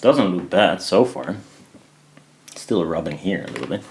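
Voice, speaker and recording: This DIY maker's voice sits low, with lively intonation and a measured pace. He offers loose, hesitant running commentary and talks to himself while working at his home workbench, with noise and clicking clearly heard in the background.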